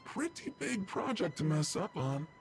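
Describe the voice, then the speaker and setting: A smug, teasing young man in a video game, his voice run through a voice changer that drops it into a deep, pitch-shifted tone. He talks with a lively, swooping rise and fall. Soft game music plays underneath. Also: measured pace, gravelly, full character voice. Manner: teasing, playful. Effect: voice changer making the voice deep and pitch-shifted.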